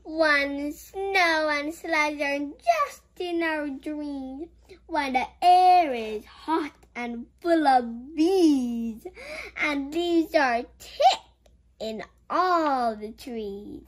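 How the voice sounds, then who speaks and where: Here a woman with a high-pitched voice stretches out her words as she reads a children's picture book. Her playful asides come out exclamatory and simple, with a childlike sing-song lilt.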